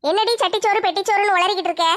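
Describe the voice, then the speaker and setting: A woman acting in a comedy skit, scolding and shouting complaints. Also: very high voice, fairly even intonation, racing.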